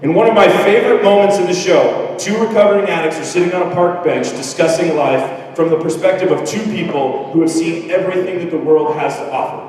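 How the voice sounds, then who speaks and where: A man's voice: a little high, fairly quick, few pauses, darkish tone, slight background noise. A man in his thirties giving a joking, candid graduation speech as a teacher. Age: 30s. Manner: self-deprecating, candid, joking. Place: large hall, from far off. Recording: echoey hall, distant mic.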